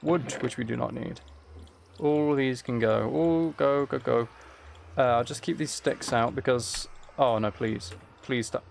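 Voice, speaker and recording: Reading and answering viewer messages during a casual game stream, a man mutters to himself as he plays and repeats phrases. His mid-range voice is a little slow with vocal fry, over slight background noise.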